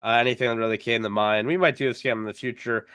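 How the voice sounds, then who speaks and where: A man's voice: mid-range voice, steady tone, very fast, a bit bright, clean tone, dry recording, studio quality. A man co-hosting a casual sports podcast, stammering through restarts and laughing with his co-hosts. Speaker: podcast co-host.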